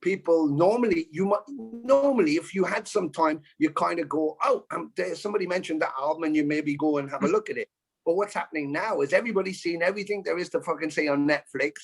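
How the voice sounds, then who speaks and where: Husky man on a video call. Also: a little high, quick pace. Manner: swears freely, talks in long runs. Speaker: metal musician guest. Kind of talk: casual video call chat.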